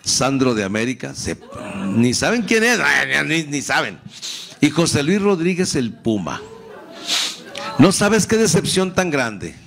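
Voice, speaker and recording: A middle-aged Mexican man doing profane, animated stand-up storytelling. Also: on the high side, takes it slowly, gravelly. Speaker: comedian. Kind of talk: stand-up comedy.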